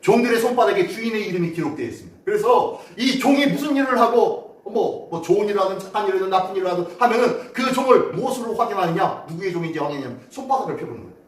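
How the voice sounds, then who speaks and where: Animated high-voiced male pastor preaching. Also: rapid-fire, few pauses. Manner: dramatic, exhorting preacher who acts out prayers. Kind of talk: Sunday morning sermon. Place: church sanctuary. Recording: echoey church, voice far from mic.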